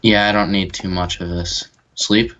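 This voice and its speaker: Very deep, slow-talking gamer guy. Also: fairly even intonation, a bit bright, lo-fi sound. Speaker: game co-host. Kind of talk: casual gameplay chat.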